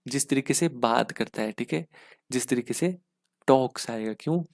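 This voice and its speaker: A man's voice: medium pitch, moderate pace, creaky, darkish tone, no room sound, studio quality. A man teaching an exam-prep English grammar lesson, explaining step by step and asking "ठीक है?" again and again.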